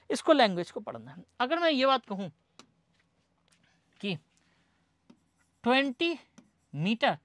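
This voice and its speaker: A man's voice: high-pitched, a bit bright. A male teacher giving a classroom lecture, asking questions and answering them himself, mixing English terms into his explanation. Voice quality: repeats each point as question and answer. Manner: addresses students as "bhai sahab".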